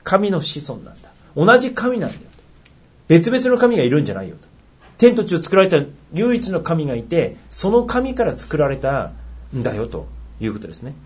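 A middle-aged male pastor with a Tohoku accent delivers a sermon in an earnest, questioning way. His voice is husky, and his pitch rises and falls in lively swings. He often drops into soft, quiet asides. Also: fairly quick. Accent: Tohoku dialect.

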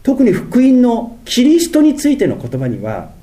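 A middle-aged man with a Tohoku accent preaching a sermon as pastor. He moves between drawn-out, lofty passages and quick, mumbled asides. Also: very high voice, wildly swooping pitch, warm tone. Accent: Tohoku Japanese.

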